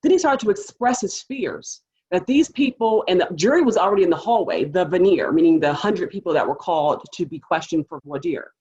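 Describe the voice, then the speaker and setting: A woman with a husky, breathy voice tells a story in animated fashion, and she acts out the other people's lines. The sound is muffled and lo-fi. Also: fairly low pitch, a little fast, few pauses. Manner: animated storytelling with acted quotes. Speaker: public defender. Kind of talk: panel storytelling.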